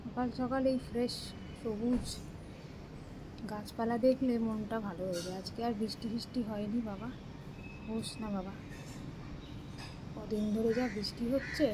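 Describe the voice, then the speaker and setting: A woman's voice: fairly high pitch, moderate pace, long pauses. A woman, chatting casually through her household routine as a home vlogger. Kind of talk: casual home vlog narration. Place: home, garden, balcony and kitchen. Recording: loud background noise from cooking.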